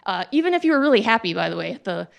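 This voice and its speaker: A woman speaks to a meetup audience in a relaxed, conversational way, with a noticeable gravelly fry in her mid-range voice. She often acts out sample dialogue and talks with plenty of ums and restarts. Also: mid-range voice, rapid-fire, highs cut off. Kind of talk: casual presentation to an audience. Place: meetup event venue.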